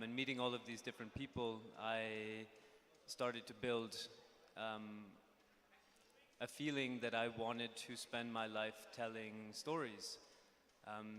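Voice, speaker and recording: A young documentary filmmaker from Pakistan, born in the United States, gives an unscripted introduction on a conference panel in a large hall. His mid-range voice is a bit bright, and he hesitates constantly, restarting and filling pauses. The recording carries hall reverb and faint ambience.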